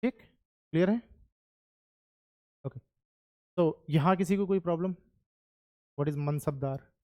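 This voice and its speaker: A man's voice: a little high, slow, mellow. A man teaching history to a class of exam students, chatty and often checking that they follow.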